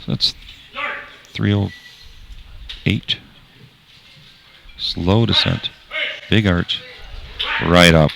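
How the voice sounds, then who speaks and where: A man with a Wisconsin accent calls a live sporting event in a relaxed, explaining way, pausing often to find his words. His voice sits very low and has a gravelly edge. Clear background noise runs under the broadcast. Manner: relaxed, explanatory, frequent hesitations. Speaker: commentator. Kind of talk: sports commentary. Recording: noisy broadcast feed.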